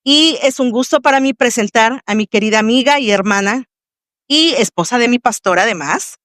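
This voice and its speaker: A woman with a Mexican accent hosts a faith testimony podcast. She speaks in a fairly high voice with a devout, welcoming manner. The sound is dry and close. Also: normal speed, no room sound. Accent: Mexican Spanish. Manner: warm, devout welcoming address to the audience. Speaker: podcast host.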